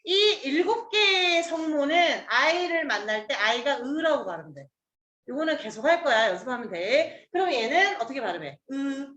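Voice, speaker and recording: A woman's voice: high-pitched, expressive, moderate pace, a bit bright, reverberant, muffled recording. A woman teacher giving a casual Chinese pronunciation lesson, chatty and coaxing, drilling sounds aloud with her students.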